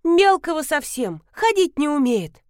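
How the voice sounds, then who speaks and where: A woman voicing an excitable female blogger who boasts about her husband in a loud, gushing way. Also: high voice, measured pace, dry recording, clean studio sound, voice pushed up. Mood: boastful. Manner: loud, gushing, fanciful storyteller.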